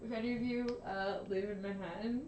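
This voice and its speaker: A woman's voice: mid-range voice, fairly even intonation, fairly quick, a little mellow. A woman co-hosting a drawing livestream, chatting casually and giggling as she draws. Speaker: artist co-host. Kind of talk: casual chat while drawing. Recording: echoey, distant, noisy room mic.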